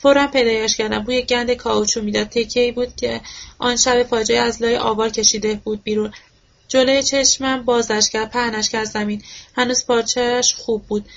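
A woman reads a novel aloud in a fairly high, narrow-ranged voice, bringing emotion to the quoted speech. The recording sounds dull and lo-fi. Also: creaky. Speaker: audiobook reader.

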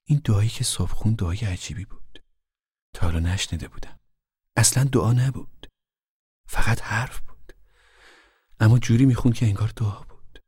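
A man's voice: on the low side, pauses often, darkish tone, husky, no echo, studio quality. An actor voicing a weary, practical farm mother in a radio drama, talking in an earnest, plain way. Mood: wondering.

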